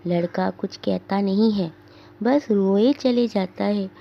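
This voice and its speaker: Slow, gravelly woman teacher reading. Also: medium pitch. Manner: slow, deliberate reading of scene directions. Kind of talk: reading a drama aloud for a class. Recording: dull lo-fi recording.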